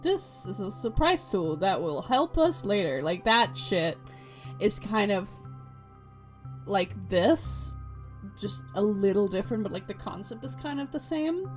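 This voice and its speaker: Rambling sarcastic woman streamer. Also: mid-range voice. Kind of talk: casual gameplay commentary.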